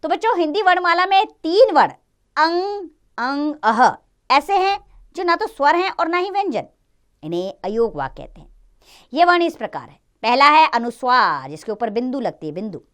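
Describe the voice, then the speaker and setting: A woman with a fairly high voice, teaching grammar to children in a classroom lesson. Her pitch rises and falls a lot as she explains step by step. She poses questions and answers them herself. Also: big pitch swings, moderate pace, a bit bright.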